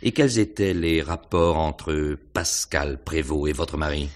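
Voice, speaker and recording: An actor with an extremely low male voice plays a probing, pensive police inspector in a French radio mystery. He questions insistently yet hesitantly, musing aloud with little hums and pauses.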